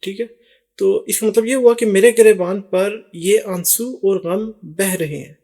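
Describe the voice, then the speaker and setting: A man hosting a casual chat, translating song lyrics word by word and repeating phrases slowly. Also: high voice, fairly even intonation, warm tone.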